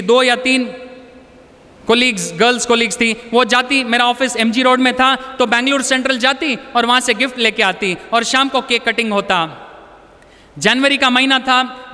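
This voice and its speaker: Very high-voiced man speaking in a hall. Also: sharp tone. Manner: conversational, anecdotal, mixes in English words. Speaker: motivational speaker. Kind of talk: storytelling talk to an audience.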